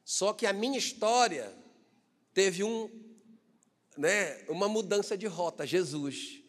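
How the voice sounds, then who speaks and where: A man with a Brazilian Portuguese accent giving an animated testimony sermon as a preacher, telling his story with frequent fillers. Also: sits high, slow, long reverb tail.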